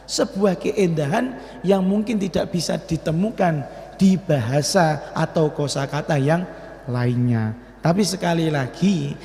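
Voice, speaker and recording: Lively Central Javanese religious teacher, echoey hall. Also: male voice, high-pitched. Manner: lively, asks the audience questions, switches into Javanese. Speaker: Islamic teacher. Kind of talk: Ramadan kitab study lecture. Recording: echoey hall with long reverb.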